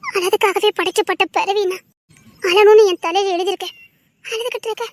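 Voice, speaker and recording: A woman's voice: very high voice, steady tone, brisk, darkish tone, faint music behind. A woman with a Tirunelveli accent playing a devoted young heroine in a dramatic serial, speaking with heartfelt, defiant conviction. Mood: sorrowful. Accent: Tirunelveli Tamil. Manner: defiant, then sorrowful and pleading.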